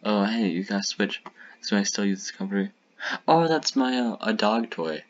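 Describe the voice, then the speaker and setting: A man's voice: fairly low pitch, moderate pace, dull audio. A young man casually reacting to his old short films, chatty and rambling with lots of fillers.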